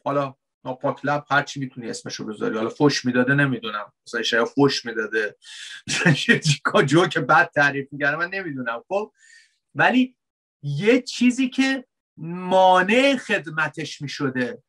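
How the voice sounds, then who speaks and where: A man preaching a conversational sermon, asking rhetorical questions and dropping into soft, wry asides. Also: a little high, lively intonation. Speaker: pastor.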